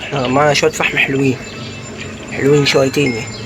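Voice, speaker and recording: A man with an Egyptian Arabic accent giving Minecraft let's-play commentary, jumpy and panicky, breaking into high shrieks when scared. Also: level tone, very fast, loud music behind the voice. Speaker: gaming YouTuber.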